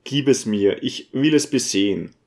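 A man reading an audiobook and voicing a grave, weary old archpriest who speaks slowly and solemnly. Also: mid-range voice, expressive, gravelly, darkish tone. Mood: firm. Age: older. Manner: slow, solemn, sighing.

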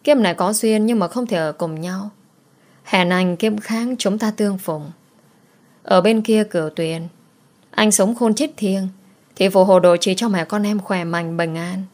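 Young mom talking softly to her kid, gentle but firm, woman reading it. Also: medium pitch, normal speed, pauses often, lightly acted. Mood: grieving.

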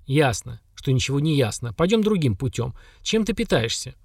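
A man's voice: mid-range voice, sing-song, normal speed, gravelly, darkish tone, no echo, clean studio sound. A man voicing a confident young hero with an ironic, questioning, grumbling manner. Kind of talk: audiobook character voice.

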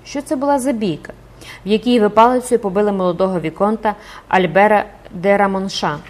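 Жінка, що озвучує холодного суворого архідиякона, докірливий тон, аудіокнига. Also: female voice, mid-range voice, fairly quick, darkish tone, lightly acted. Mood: stern. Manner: cold, reproachful. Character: stern cold older male archdeacon.

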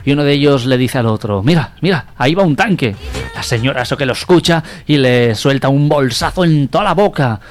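A man's voice: medium pitch, animated, brisk, soft background music. Laid-back man telling jokes. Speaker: radio comedy co-host. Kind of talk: casual joke telling and news reading.

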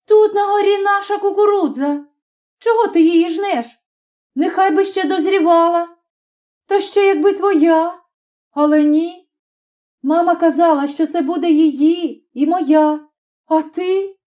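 A woman voicing a wronged young peasant woman in an audiobook, her lines high, shrill and tearful. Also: measured pace, dark tone. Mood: outraged. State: crying. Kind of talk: audiobook character voice.

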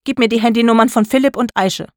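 A woman's voice: fairly high pitch, fast, darkish tone, no echo, clean studio sound, natural voice. A woman playing a firm, worried social worker. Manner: insistent, questioning.

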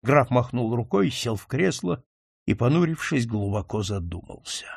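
A man reading a classic novel aloud as an audiobook, with expressive storytelling. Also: medium pitch, normal speed, creaky, breathy edge, no room sound, studio quality. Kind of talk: audiobook narration.

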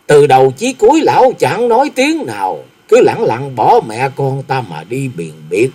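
A man voicing a distraught, wronged middle-aged wife who laments slowly and bitterly through tears in a story reading. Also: mid-range voice, wildly swooping pitch, warm tone, slightly rough. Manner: tearful, slow, accusing lament.

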